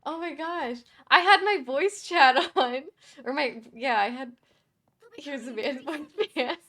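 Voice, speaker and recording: A young woman livestreaming a game, chatting casually and excitably, quick to giggle and squeal. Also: high voice. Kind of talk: casual gameplay commentary.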